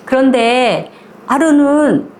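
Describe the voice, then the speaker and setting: A woman storyteller with a slightly high voice tells a short story in a casual, spoken way. She is lively and drops into the characters' lines as she goes. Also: slow, slight background noise.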